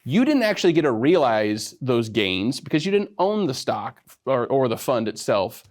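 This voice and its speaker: A man hosting a financial advice show, talking briskly and conversationally with wry asides. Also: mid-range voice, big pitch swings. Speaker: financial advisor host. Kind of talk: explanatory radio talk.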